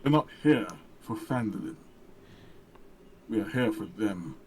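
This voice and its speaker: A man's voice: lowish voice, animated, measured pace, a little mellow, a little hiss or hum, low-quality recording. A man voicing a haughty, commanding female knight who speaks in formal, scornful tones.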